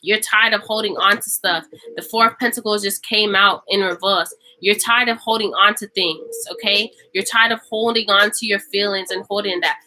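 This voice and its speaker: A woman's voice: medium pitch, steady tone, normal speed, few pauses, bright, forceful tone, rough recording. A woman giving a casual tarot reading to camera. She talks emphatically and repeats phrases for stress. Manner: acts out imagined speech. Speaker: tarot reader.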